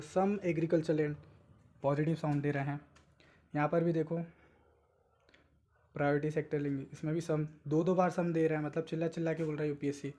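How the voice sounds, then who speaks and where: A young man teaching exam tricks in a casual, coaxing lesson, often slipping into English and reading statements aloud slowly. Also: a little high, warm tone. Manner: chatty, coaxing, mixes English words and reads English statements slowly. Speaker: exam coaching tutor. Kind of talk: informal exam-tips lesson.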